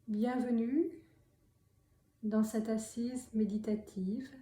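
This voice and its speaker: Nearly whispering at times, a woman with a fairly high, very soft and breathy voice leads a guided meditation as a meditation and yoga teacher. Her calm, slow instructions come with long pauses, and the roomy echo carries faint background noise.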